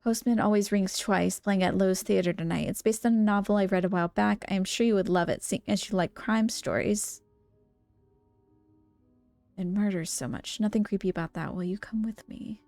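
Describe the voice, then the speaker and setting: Woman, game streamer, reading aloud, expressive, dry sound, faint music. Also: mid-range voice, normal speed, vocal fry, no room sound. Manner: expressive, reacts with gasps and laughs. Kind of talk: let's play commentary, reading notes and letters aloud.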